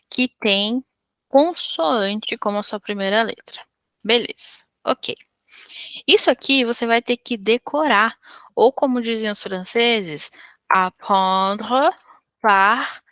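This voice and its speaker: A woman's voice: a little high, a bit bright, clear, resonant tone, no echo. A woman with a Brazilian Portuguese accent teaching French grammar, patiently drilling verb conjugations step by step. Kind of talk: whiteboard grammar lesson.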